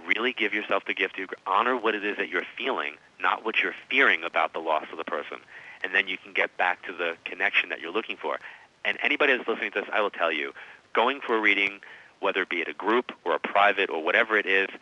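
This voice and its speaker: Emphatic man in his forties, sharp bright voice. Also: low voice, quick pace. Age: 40s. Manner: emphatic, storytelling. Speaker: psychic medium guest. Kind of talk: interview conversation. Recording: dull radio-style audio.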